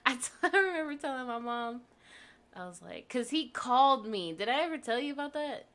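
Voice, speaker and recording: A woman's voice: high voice, brisk. A young woman as a podcast guest, chatting casually, laughing often and telling heated stories with plenty of swearing. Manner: expressive, laughs often, profane storytelling. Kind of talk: casual chat.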